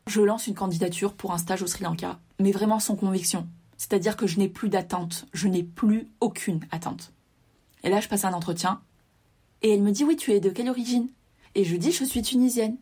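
A young woman from France telling a personal story straight to her listeners, lively and direct. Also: mid-range voice, slightly rough.

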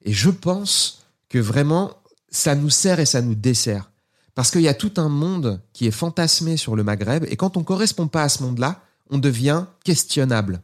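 A man's voice: fairly high pitch, expressive, normal speed. Earnest, hesitant French man. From France. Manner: earnest, hesitant, growing heated. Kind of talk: candid conversation.

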